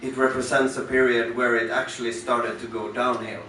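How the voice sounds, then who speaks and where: A musician from western Norway, speaking with a Norwegian accent, introduces his work to a concert audience at a club, halting and thoughtful with many pauses and restarts. His medium-pitched voice is flat, pushed and bright. The stage mic runs through the house speakers and is recorded from far off in the audience, giving roomy sound with slight background noise.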